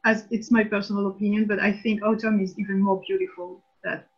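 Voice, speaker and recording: Husky-voiced French woman, lo-fi call. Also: medium pitch, little pitch movement, a little fast. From France. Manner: thoughtful, explains at length. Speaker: editor-in-chief. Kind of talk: casual panel discussion. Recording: dull lo-fi online call audio.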